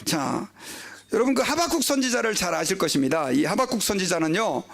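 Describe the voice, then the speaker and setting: High, lively gravelly preacher man. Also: brisk. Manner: animated storytelling preacher; leads the congregation in reading aloud. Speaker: pastor. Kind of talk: sermon.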